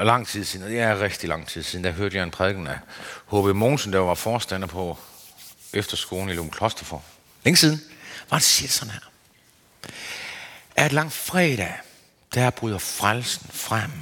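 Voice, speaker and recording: A man's voice: pauses often, sharp tone. Man preaching with long hall reverb. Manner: earnest, searching, rises and falls in pitch. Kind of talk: sermon.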